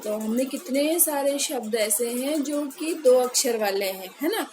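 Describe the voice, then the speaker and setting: A woman whose voice sits high teaches a phonics lesson to young children as a primary school Hindi teacher, with background noise present. She is slow and patient, repeating and drawing out each word, and keeps checking in with the class with "है ना".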